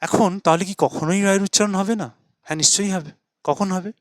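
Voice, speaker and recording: A middle-aged man teaches English pronunciation in a slightly high voice, repeating each sound patiently and spelling out letters one by one. The recording is dry and close, with no room echo. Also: fast talker. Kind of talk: spoken lesson.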